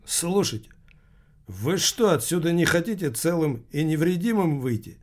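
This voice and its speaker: A man voicing a cafe owner's son who threatens a guest, in a raised, higher voice. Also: expressive, normal speed, lightly acted. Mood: menacing calm. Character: younger man, cafe owner's son, calm then shouting.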